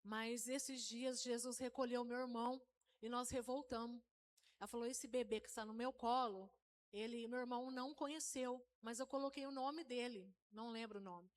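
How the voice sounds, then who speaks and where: A woman's voice: a little high, steady tone, normal speed, slight background noise. A middle-aged woman from inner São Paulo giving a storytelling testimony to a live church congregation, often calling out to the brothers. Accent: Brazilian Portuguese, interior São Paulo. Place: church hall, live service.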